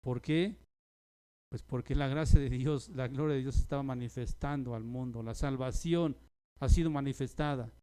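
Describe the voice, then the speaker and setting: A man preaching a sermon to his congregation, asking rhetorical questions and tagging lines with "¿sí?", swinging between loud emphasis and quiet asides. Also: medium pitch, normal speed, smooth. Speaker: pastor.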